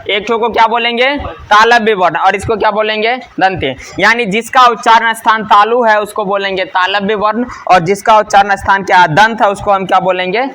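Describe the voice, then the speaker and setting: A man's voice: high-pitched, steady tone, normal speed, pushed and bright. A male teacher, giving a grammar lesson that drills rules by asking and answering his own questions.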